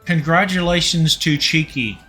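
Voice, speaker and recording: A man's voice: fairly high pitch, measured pace, pushed and bright, soft background music. A tipsy man hosting a home cooking livestream, rambling casually and talking to his chat viewers. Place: home kitchen.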